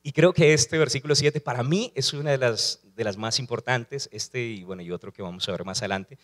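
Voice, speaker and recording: A man's voice: mid-range voice, fairly quick. A male pastor preaching a sermon, asking rhetorical questions and calling on the congregation to repeat after him.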